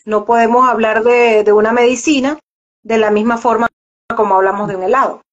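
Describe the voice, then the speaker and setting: A Venezuelan voice actress and journalist, appearing as a guest, talks casually in an interview, explaining at length and often repeating words while she searches for them. Her voice is slightly high, with fairly even intonation and a fairly quick pace. The recording has dull lo-fi audio.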